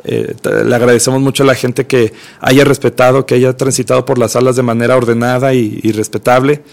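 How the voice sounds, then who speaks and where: A man with a rough, gravelly edge to his voice. He talks in casual chat, circling back and repeating words as he gathers his thoughts. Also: medium pitch, flat delivery, fairly quick. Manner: rambling, repeats words while thinking. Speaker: cultural event organizer guest.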